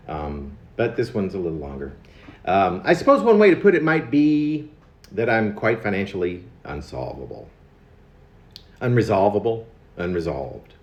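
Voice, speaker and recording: An American man in his late fifties, with a low-pitched voice in an echoey room, reads his own rambling autobiographical poem. His delivery is wry and digressive, and he often repeats words.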